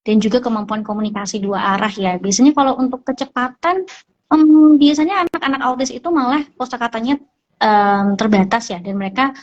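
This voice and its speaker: Casting: woman, therapist guest, higher voice, patient explainer, dull lo-fi recording. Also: brisk. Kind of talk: explaining on a hospital talk show.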